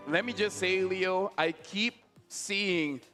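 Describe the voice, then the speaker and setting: High-pitched excitable male esports caster. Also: takes it slowly, over music. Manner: excitable, emphatic. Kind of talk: live esports commentary.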